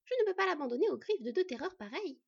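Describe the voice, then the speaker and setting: A woman's voice: extremely high pitch, big pitch swings, racing, gravelly, voice pushed up, full character voice. A woman voicing a fussy, motherly female dwarf who talks in a chatty, exasperated way, in a storybook reading. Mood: fussing. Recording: dull lo-fi recording.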